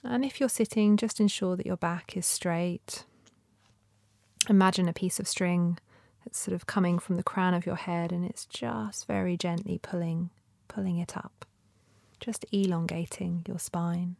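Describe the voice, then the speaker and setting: A woman leading a guided meditation in a soft, breathy, often near-whispered voice with a gentle, soothing manner and long pauses. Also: lowish voice, fairly even intonation, dry recording, studio quality.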